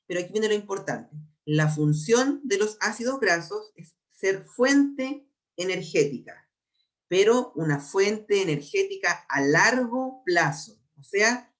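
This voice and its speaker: A young adult biology teacher with a Chilean accent, giving an exam prep lecture and explaining patiently while slowing down to repeat key terms. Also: mid-range voice.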